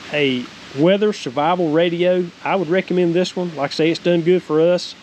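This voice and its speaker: Faint hiss and outdoor noise mark the poor audio of this plain-spoken, folksy product review. The casual speaker is a middle-aged Southern American man whose voice runs a little high and a little mellow.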